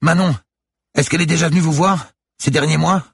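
A man voicing a frightened but stubborn female police officer who shouts to be heard over the waves, read as an audiobook. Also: fairly high pitch, steady tone, brisk, creaky, slightly rough, dry recording, clean studio sound, voice pushed up, full character voice. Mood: desperate. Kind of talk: audiobook character voice.

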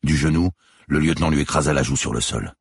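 A man reading a suspense novel aloud in measured, deliberate narration. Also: very deep voice, husky, no room sound, studio quality. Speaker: audiobook narrator. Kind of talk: scripted narration.

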